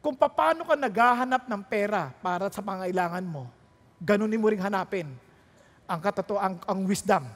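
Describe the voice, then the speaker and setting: A woman's voice: mid-range voice, moderate pace, in a large hall. A woman pastor preaching a sermon, throwing rhetorical questions and jokes at the congregation while mixing Tagalog and English.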